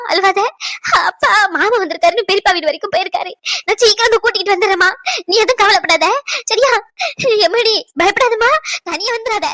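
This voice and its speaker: A heartbroken, furious cartoon mother, played by a woman with a very high voice that cracks into wails and shouted threats. The sound is dry and close. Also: dry recording. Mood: tearful. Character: distraught middle-aged mother, fierce to her daughter-in-law. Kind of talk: Tamil cartoon dubbing.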